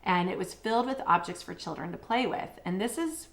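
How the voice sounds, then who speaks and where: A woman's voice: lowish voice, animated, a little fast, gravelly. A woman co-hosting a casual podcast, chatting and reading short quotes aloud with fillers and restarts. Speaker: podcast co-host.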